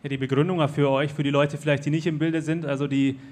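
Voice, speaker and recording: A man hosts a casual live talk. His voice is fairly high for a man, and he moves between questions to his guest and remarks to the audience. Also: little pitch movement, fast, a little mellow. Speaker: host.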